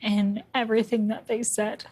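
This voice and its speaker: Woman, interview guest, reflective, flat pitch. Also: normal speed. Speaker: interview guest, sister-in-law of a victim. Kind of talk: live news interview.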